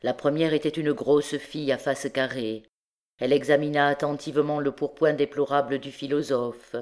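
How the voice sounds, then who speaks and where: A woman's voice: low voice, fairly even intonation, normal speed, a little mellow. Woman reading a classic novel aloud. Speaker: audiobook reader. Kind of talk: literary audiobook narration.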